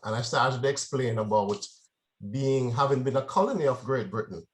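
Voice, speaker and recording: A Jamaican man gives an informal, conversational presentation to a club in a mid-range, animated voice at a moderate pace. He keeps checking in with the audience, frequently asking "right?"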